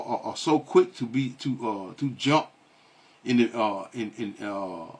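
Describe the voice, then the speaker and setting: Husky-voiced man ranting with rhetorical questions. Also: medium pitch, a bit bright. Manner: keeps asking rhetorical "what?" questions and repeats himself; blunt and scolding, with many stalling fillers. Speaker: online religious commentator. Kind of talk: ranting commentary on video clips.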